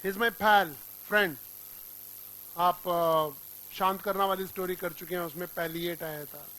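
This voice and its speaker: Bright high-voiced male teacher. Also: fairly even intonation, slow pace, poor audio. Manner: drills pronunciation, quizzing students with repeated questions. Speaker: English teacher. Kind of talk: classroom vocabulary lesson.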